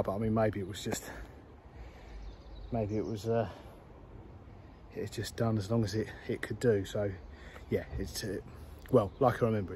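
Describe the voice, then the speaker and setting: A man's voice: lowish voice, a little mellow, slight background noise. A man vlogging casually from his allotment, rambling and correcting himself as he goes. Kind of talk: casual outdoor vlog. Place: outdoors on an allotment.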